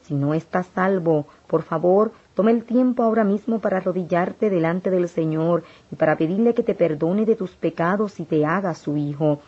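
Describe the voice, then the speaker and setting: A woman with a low, dark, mellow voice reads a first-person religious testimony aloud in an earnest audiobook style. The recording sounds dull and lo-fi. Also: normal speed, hardly any pauses, slightly rough.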